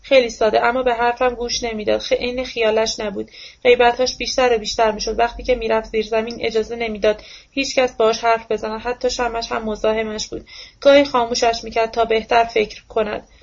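Woman reading a novel, flat-toned. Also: a little high, creaky, muffled recording. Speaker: audiobook reader. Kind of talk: novel narration.

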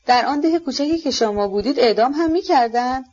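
A woman's voice: sits high, lively intonation, darkish tone, slightly rough, voice pushed up. An eager young woman presses for a story in a slightly raised voice, as a woman narrator plays her. She sounds curious and insistent. The recording is dull and lo-fi. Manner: insistent, questioning.

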